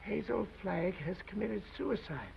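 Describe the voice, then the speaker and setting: A stricken, blustery newspaper boss in a screwball comedy. His voice is high for a man and gravelly, on a noisy 1930s film soundtrack. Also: expressive, measured pace, dull audio, heavily acted. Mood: aghast.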